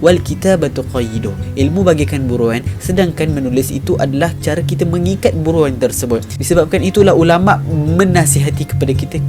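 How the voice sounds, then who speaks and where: A man from Malaysia giving a casual lesson, repeating phrases for emphasis and reciting Arabic sayings. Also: a little high. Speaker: vlogger teaching Arabic. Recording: loud music bed behind voice.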